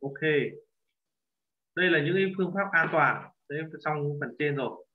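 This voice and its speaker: A man teaching a language lesson, patiently correcting pronunciation and slowly repeating phrases. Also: on the high side. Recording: echoey, dull lo-fi room sound.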